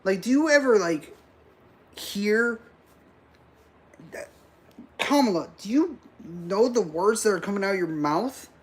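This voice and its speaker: A fairly high-pitched man who talks slowly and without hurry. He reacts to news with heavy sarcasm, frequent laughter and free swearing, as a livestream host. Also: lively intonation, a little hiss or hum. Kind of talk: political reaction commentary.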